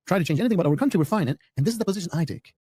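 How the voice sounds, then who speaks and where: A man's voice: high-pitched, expressive, racing, a little mellow, breathy edge, dry recording, clean studio sound. A man speaking as an imam in an interview, emphatic and often repeating words as he starts sentences. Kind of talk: podcast interview answers.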